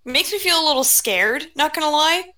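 Short timid female adventurer, played by a woman, bright higher voice, plaintive. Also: expressive. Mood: aggrieved. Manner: plaintive, slow complaints.

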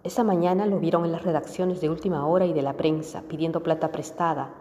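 A woman narrating a literary audiobook in a measured, even reading. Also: deep voice. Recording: reverberant room with faint music.

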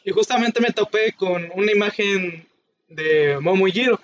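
A man's voice: high voice, normal speed, lo-fi sound, a little hiss or hum. A young man with a Mexican Spanish accent, chatting casually and cracking wry, slangy jokes. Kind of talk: casual chat.

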